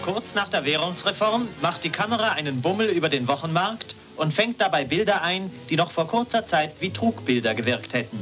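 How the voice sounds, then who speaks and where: Lively old newsreel announcer, man. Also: fairly high pitch, brisk, few pauses. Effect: old newsreel soundtrack. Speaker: newsreel narrator. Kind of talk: old newsreel narration from 1948. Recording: archival newsreel sound with music underneath. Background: music.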